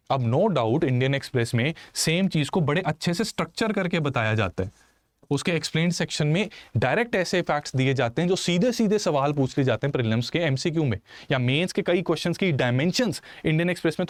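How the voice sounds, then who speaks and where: Animated man giving an exam-prep lecture. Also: a little high, no room sound. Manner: animated and rhetorical, scolding students informally. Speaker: teacher.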